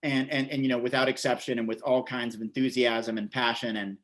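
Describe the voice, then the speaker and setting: At medium pitch, with a flat delivery that's fairly quick and a bit bright, an American man in his forties tells stories as an interview guest. The vegan bodybuilder and author keeps it casual, rambling and repeating words.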